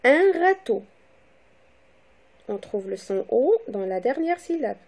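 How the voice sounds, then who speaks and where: A woman teacher giving a slow, deliberate phonics lesson to young children, spelling out letters and syllables. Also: mid-range voice, animated, dark tone, breathy edge. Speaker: primary school teacher.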